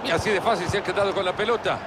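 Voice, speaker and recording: A man doing excited live football play-by-play, building to shouted, drawn-out goal calls. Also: sits high. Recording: noisy stadium broadcast with loud crowd.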